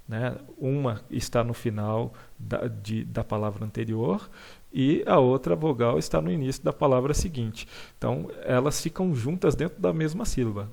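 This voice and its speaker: A male teacher explains a lesson over slides, patiently, with many fillers and checks like "tá bom?", and reads lines of verse aloud slowly. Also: medium pitch, gravelly, a little mellow.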